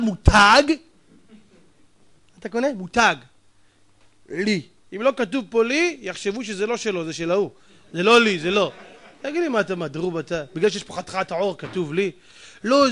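A man preaching a sermon as a rabbi, emphatic and mocking, firing rhetorical questions and swinging between loud outbursts and low muttered asides.

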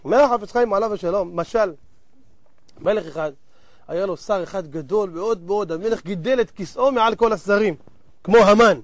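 A male preacher telling a parable in a sermon. He talks dramatically, swinging between loud exclamations and hushed asides, and addresses the audience directly. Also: sits high, no echo.

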